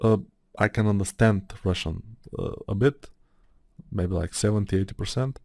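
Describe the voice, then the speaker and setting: A man's voice: on the low side, normal speed, dark tone, no echo, clean studio sound. A man with an Eastern European accent, chatting in a meandering way while he works through a modeling tutorial, thinking aloud with many fillers. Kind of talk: casual rambling tutorial talk.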